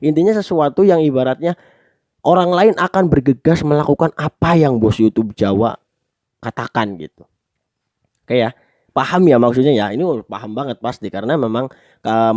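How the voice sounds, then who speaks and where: A man's voice: medium pitch, warm tone, dry recording, clean studio sound. Chatty man teaching speaking. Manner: chatty, peppered with tag questions and demonstrations. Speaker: public speaking coach. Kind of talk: casual spoken tutorial.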